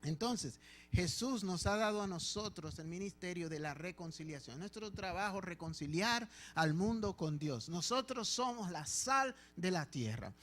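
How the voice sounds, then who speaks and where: A man's voice: high voice, animated, measured pace, a bit bright, a little hiss or hum. A man with a Dominican Spanish accent, a pastor preaching a sermon in church with emphatic, repeated phrases. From Dominican Republic.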